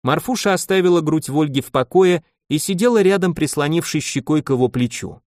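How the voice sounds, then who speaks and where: A man narrating an audiobook in a measured, even storytelling manner. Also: on the high side, dry recording, clean studio sound.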